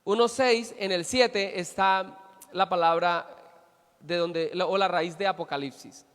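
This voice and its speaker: High-voiced pastor preaching in a reverberant hall. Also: male voice, unhurried, a bit bright, clear, resonant tone. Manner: asks the congregation questions and answers them; emphatic repetition. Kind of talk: sermon.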